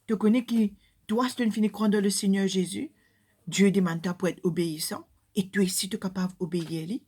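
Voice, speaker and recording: An older woman with a Mauritian Creole accent, telling a Bible story to children, animated, dropping to hushed whispery asides and rising to loud calls. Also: medium pitch, fast, husky.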